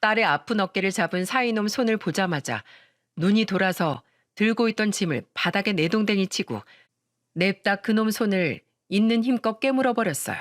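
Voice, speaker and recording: A woman's voice: medium pitch, expressive, moderate pace, dry recording, studio quality. An older woman narrating a scripted radio story as an angry mother, fiery when she quotes herself.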